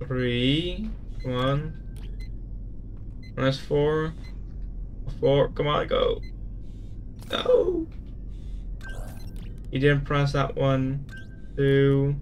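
A man's voice: medium pitch, level tone, very slow, long pauses, soft background music. A man giving casual gameplay commentary, thinking aloud in an easygoing way as he explores a game. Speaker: gaming YouTuber.

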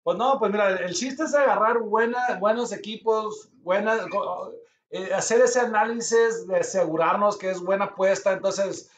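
High-pitched man, casual live host. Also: moderate pace. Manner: urging, repeating short phrases. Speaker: host of a live auction stream. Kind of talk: casual live commentary while bidding. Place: small office with a whiteboard. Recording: slightly dull lo-fi stream audio.

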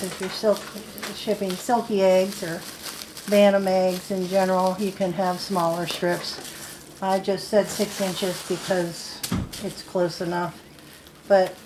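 A middle-aged woman farmer gives a casual, plain-spoken, step-by-step how-to demonstration at a wooden table inside a home. Her voice is medium-pitched, and the background is noisy.

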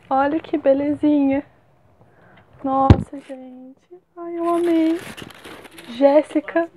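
A young woman vlogging an unboxing, gushing with excited exclamations as she opens gifts. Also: high voice, narrow, tinny audio, slight background noise. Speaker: book vlogger. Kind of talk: unboxing vlog.

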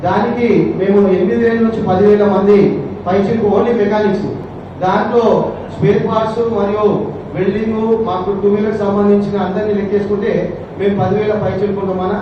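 A man's voice: high-pitched, little pitch movement, a little fast, dull audio. A man representing a mechanics' association, making an earnest appeal in a public speech at a gathering. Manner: earnest appeal, rising to loud rallying calls. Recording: echoey hall, distant mic, noisy.

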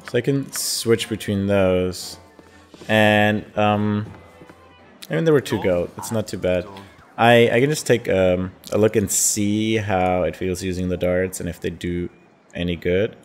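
A man's voice: low voice, a little slow, pauses often, faint music behind. A man giving casual gameplay commentary, thinking aloud in a hesitant way with fillers. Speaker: gamer.

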